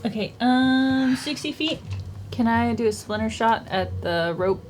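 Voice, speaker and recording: A woman's voice: on the high side, measured pace, darkish tone, a little hiss or hum. A woman playing a tabletop role-playing game, chatting casually about her moves and rolls.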